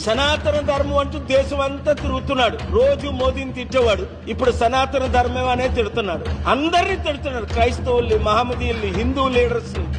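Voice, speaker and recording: A man's voice: extremely high pitch, fast talker, few pauses, over music. A man giving a critical political speech, listing grievances in an accusing way. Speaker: political speaker.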